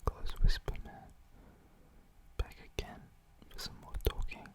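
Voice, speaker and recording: An ASMR creator, a man, whispers softly and breathily close to the microphone in a rambling, casual chat. His manner is gentle, informal and reassuring, and he speaks a little slowly.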